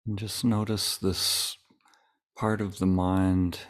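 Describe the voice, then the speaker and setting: Here a meditation teacher, a man with a low-pitched voice, leads a guided session. Short, calm, deliberate phrases are followed by long pauses.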